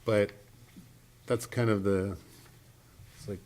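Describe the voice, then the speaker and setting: A man's voice: fairly low pitch, fairly even intonation, slow, a little mellow. A man serving as a school board trustee, asking questions in a rambling, hesitant way that corrects itself. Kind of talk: questions at a public meeting. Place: boardroom meeting.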